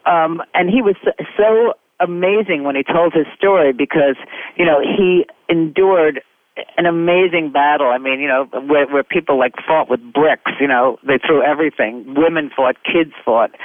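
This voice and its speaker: A man's voice: on the high side, no echo. A man telling stories earnestly in an interview and reading letters aloud. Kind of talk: interview storytelling. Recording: tinny phone line, dry.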